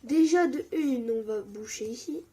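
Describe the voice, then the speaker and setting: A young woman giving casual, excitable commentary while playing Minecraft. She often drops into a mumble or a whisper. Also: fairly high pitch, measured pace, slightly rough. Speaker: gaming YouTuber.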